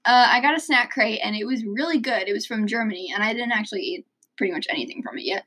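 A woman's voice: a little high, fast talker, fairly bright tone. A young woman from Illinois co-hosting a podcast in casual chat, rambling and laughing often. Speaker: podcast co-host.

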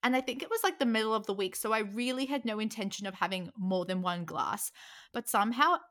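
A woman's voice: mid-range voice, fast talker, a bit bright. A young woman hosting a podcast, telling playful, self-mocking anecdotes in a casual chat. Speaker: podcast host.

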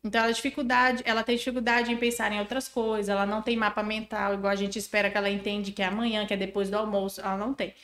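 A woman's voice: mid-range voice, rapid-fire, hardly any pauses, echoey room. A woman on a podcast explaining parenting step by step, acting out what a child and a parent say. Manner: animated, acts out child and parent voices. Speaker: guest parenting expert.

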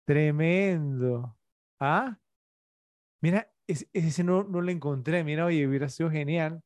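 A man's voice: on the high side, moderate pace, a little mellow, no room sound. A man co-hosting a casual film podcast, opinionated and quizzing his co-hosts. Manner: opinionated, questions the others. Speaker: podcast co-host.

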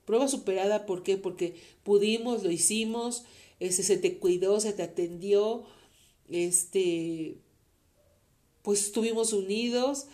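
Mexican mother, interview guest, warm mellow tone, earnest and rambling, full of faith. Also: medium pitch, slow. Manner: earnest, faith-filled, rambling with many fillers. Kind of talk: casual heartfelt conversation.

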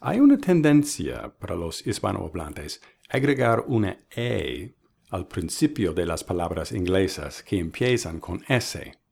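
A man teaching English pronunciation in a bilingual lesson, modeling each word slowly and contrasting wrong and right versions. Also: low-pitched, vocal fry, darkish tone, slightly rough. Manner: slow, deliberate, models words by contrast. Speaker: language teacher.

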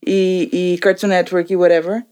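A woman's voice: lowish voice, little pitch movement, moderate pace, a little mellow, smooth. A woman in her thirties from a Brazilian family, speaking with a European Portuguese accent, chatting and telling personal stories as a podcast co-host with English slang mixed in. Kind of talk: casual chat, personal anecdotes.

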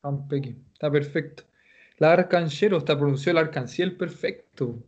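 A man with a Chilean accent, teaching Japanese and giving relaxed, joking feedback in an online class. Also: a little high, moderate pace. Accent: Chilean Spanish.

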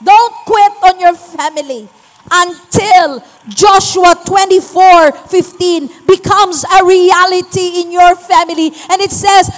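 A woman pastor preaching a sermon with emphatic, urgent exhortation in a church hall. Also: very high voice. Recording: long church hall reverb.

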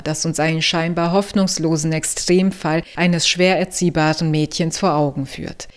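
A woman narrating prepared reviews as a podcast co-host. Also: on the low side. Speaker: podcast co-host giving film tips.

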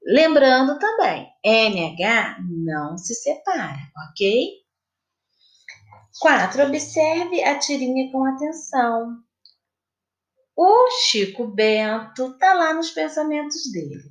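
Woman teacher, Brazilian Portuguese accent, slow and patient with children, fairly high voice, echoey room. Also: sing-song. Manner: slow, patient, sing-song questioning. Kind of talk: recorded remote lesson for children.

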